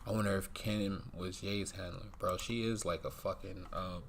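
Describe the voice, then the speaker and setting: A man streaming and reacting to a clip in profane, incredulous commentary, laughing loudly. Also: low-pitched, fairly even intonation, normal speed, gravelly, slight background noise.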